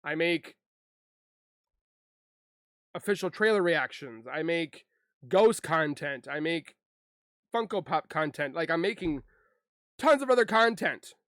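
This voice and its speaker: A man venting to his viewers in a vlog, halting and frustrated, and holding back tears as he speaks. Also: fairly high pitch, animated, a bit bright, no room sound. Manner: halting, frustrated, with frequent restarts. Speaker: YouTuber.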